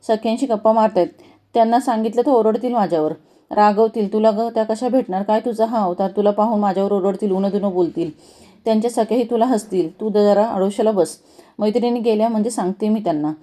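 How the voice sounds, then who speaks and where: A woman's voice: medium pitch, quick pace, warm tone, close to an everyday voice. Anxious palace maid, read by a woman. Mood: worried.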